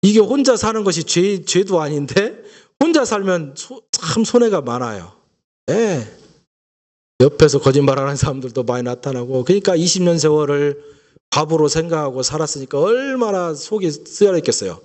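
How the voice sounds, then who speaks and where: Storytelling pastor preaching a lively sermon. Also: male voice, fairly high pitch, moderate pace. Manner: lively storytelling with rhetorical questions to the congregation. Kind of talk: Sunday sermon.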